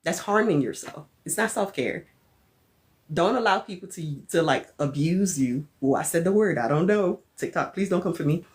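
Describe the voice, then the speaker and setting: A woman's voice: lowish voice, normal speed. Chatty woman vlogger talking to viewers. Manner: chatty and animated, laughs often, talks straight to viewers. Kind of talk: casual chat with live viewers.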